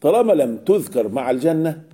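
A man's voice: fairly high pitch, big pitch swings, brisk, warm tone, breathy edge. A man with an Egyptian Arabic accent teaching a lesson on Quranic verses, often asking the class a question and answering it himself. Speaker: religious teacher.

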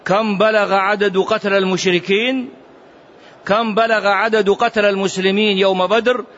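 A man teaching a religious class, quizzing his students with animated, mocking asides. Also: high voice, normal speed, highs cut off. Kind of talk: classroom lesson.

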